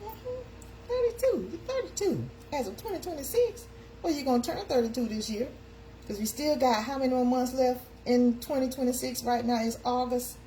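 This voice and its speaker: A woman's voice: high-pitched, normal speed, dark tone, slight background noise. Chatty woman in her fifties. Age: 50s. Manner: chatty, calls out to viewers. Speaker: live stream host. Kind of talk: casual live chat.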